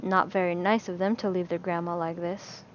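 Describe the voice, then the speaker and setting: A woman voicing a weary, formal young priest who speaks in a crisp, reserved way. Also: fairly low pitch, level tone, normal speed, a little hiss or hum, pitched below the performer's own voice, lightly acted. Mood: quiet, crisp. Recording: slightly dull lo-fi recording.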